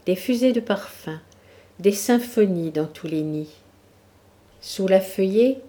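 A woman reading a literary story aloud in a slow, measured storytelling manner. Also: medium pitch, warm tone. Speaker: audiobook narrator.

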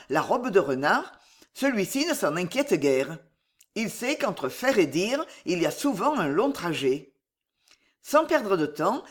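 A storyteller reading a medieval fox fable aloud in a steady, expressive way. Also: medium pitch.

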